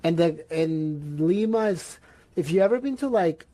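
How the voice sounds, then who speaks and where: Soft-spoken man from Peru, casual chat. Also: a little high, expressive, moderate pace. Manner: hesitant, many fillers and restarts. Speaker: podcast guest.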